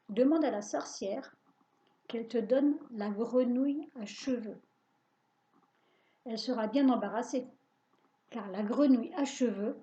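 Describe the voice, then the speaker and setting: Woman reading as a quiet wise shopkeeper guy, patient and hushed, a bit muffled. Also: on the high side, lightly acted. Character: calm wise older shopkeeper man. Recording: dull lo-fi recording.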